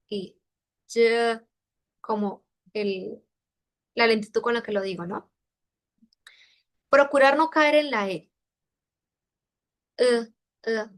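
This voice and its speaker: Woman teaching sounds with slow demonstrations. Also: on the high side, fairly bright tone. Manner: demonstrates sounds slowly and repeatedly; explanatory, checks understanding with questions. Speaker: Mandarin teacher. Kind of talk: online pronunciation lesson.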